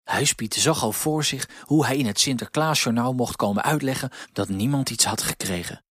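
A man narrating a children's storybook with expressive, clear delivery on a close mic. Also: medium pitch, moderate pace, no room sound.

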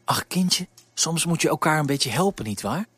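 A man voicing a kind, motherly baker's wife in a storybook reading, gently scolding and warm-hearted. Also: on the high side, expressive, moderate pace, slightly rough, dry recording, pitched above the performer's own voice.

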